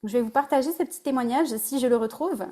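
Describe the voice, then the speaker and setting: With a high, mellow voice and a fast delivery, a Québécois woman presents a webinar on relationships. Her coaching style is casual and chatty, and English words pop up throughout.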